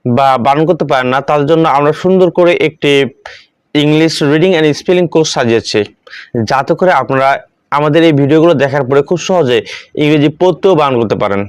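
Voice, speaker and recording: A man teaching the English alphabet, saying each letter slowly and repeating it, in a steady classroom manner. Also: a little high, clear, resonant tone, dry recording. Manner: repeats each letter twice, slow and deliberate. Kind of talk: slow classroom instruction.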